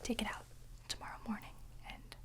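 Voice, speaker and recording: Speaking to her viewers in an ASMR video, a woman whispers softly and breathily, pausing hesitantly between short phrases.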